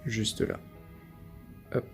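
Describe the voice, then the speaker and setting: A man hosting his own video, chatting casually and showing off his collection, relaxed and full of hesitations and fillers. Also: very slow, soft background music. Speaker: manga collection video host.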